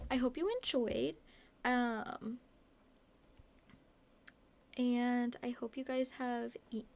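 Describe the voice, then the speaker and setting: A woman reading fan fiction aloud, her fairly high voice full of vocal fry. She narrates plainly and then signs off in a chatty, rambling way with lots of fillers. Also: a little hiss or hum. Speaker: voice actor narrator.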